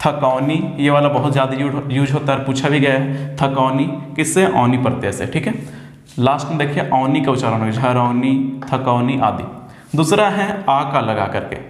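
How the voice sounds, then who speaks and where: A young man, teaching an exam-prep lesson in a casual style and answering his own questions. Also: medium pitch. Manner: asks questions and answers them himself, drawn-out example words. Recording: echoey room with long reverb.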